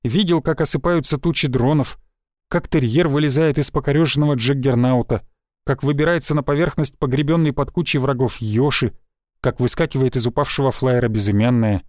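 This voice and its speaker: A man reading a first-person audiobook in a steady, even storytelling manner. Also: medium pitch, brisk, no echo, studio quality. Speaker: audiobook narrator. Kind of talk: scripted first-person narration.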